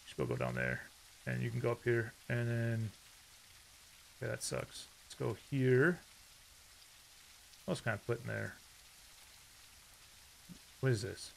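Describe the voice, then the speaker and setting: A man's voice: mid-range voice, creaky, slight background noise. A man giving casual, rambling commentary while playing a game, often breaking into startled outbursts. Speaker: gaming YouTuber.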